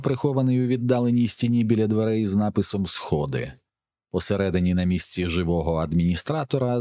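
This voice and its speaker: A man narrating an action novel in a steady, measured reading. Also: fairly low pitch. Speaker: audiobook narrator. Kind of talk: scripted narration.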